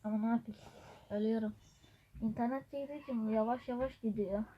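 Playing a game on stream, this stuffy-nosed Turkish woman keeps up casual commentary, often whispering and muttering to herself. Her high-ish voice is steady and quick. The noisy home recording has its highs cut off.

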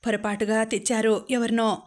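A woman's voice: a little high, flat delivery, normal speed, natural voice. A woman voicing Radha, a grief-stricken young mother who pleads through tears. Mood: anguished. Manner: pleading, tearful. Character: young woman, new mother, anguished and defiant.

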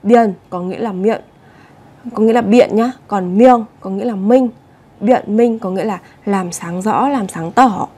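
A woman's voice: medium pitch, unhurried, dark tone, breathy edge. A woman teaching Korean vocabulary, patiently repeating each word and speaking straight to her viewers. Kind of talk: vocabulary lesson explanation.

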